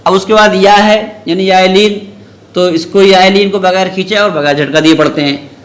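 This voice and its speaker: A man teaching Quran recitation in a class, asking questions, repeating the students' answers and drawing sounds out slowly to show them. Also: high-pitched, fairly even intonation, reverberant, very noisy. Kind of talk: classroom tajweed lesson with call-and-response.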